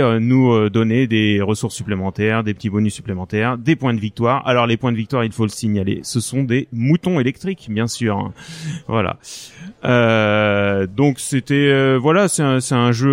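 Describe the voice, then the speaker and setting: A man's voice: mid-range voice, no room sound. Man giving a casual explanatory review. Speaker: podcast panelist. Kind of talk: casual board game review.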